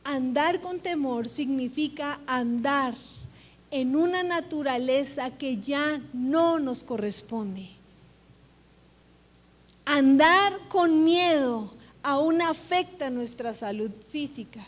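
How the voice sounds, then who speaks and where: A woman's voice: sits high, expressive, slow pace. A woman pastor preaching a sermon in a church, speaking earnestly and putting questions straight to her congregation. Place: church sanctuary. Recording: long church-hall reverb.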